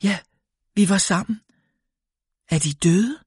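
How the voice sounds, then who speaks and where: A sly young woman, dazed at first and then chillingly calm, as a woman narrator puts her on. Her voice sits higher and slightly lighter than the reader's own. The audiobook recording is dry and close. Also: husky, dry recording. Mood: flat.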